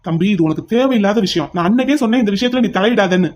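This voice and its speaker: An actor doing a deep stern older brother. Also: animated, rapid-fire, a little mellow, highs cut off, lightly acted. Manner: scolding, firm.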